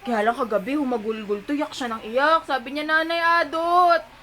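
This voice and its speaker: A woman's voice: fairly high pitch, fairly quick, a bit bright, slight background noise. A young Filipino woman with a Filipino accent, chatting casually to viewers in a home vlog, recorded by a camera on a tripod in her bedroom. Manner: chatty, addresses viewers as sisters, mixes in English. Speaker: vlogger and young mother.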